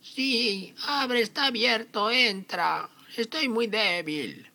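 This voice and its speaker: A man voicing a storybook wolf who fakes a frail old grandmother, with feeble, coaxing, drawn-out words. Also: high voice, creaky, sharp tone, pitched above the performer's own voice, full character voice. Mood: feigned weakness.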